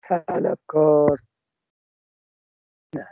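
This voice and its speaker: A young man speaking over a phone line in an interview, talking haltingly with many restarts and fillers. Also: a little high, monotone, vocal fry, dark tone, dry recording. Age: young adult. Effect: heard over a phone line.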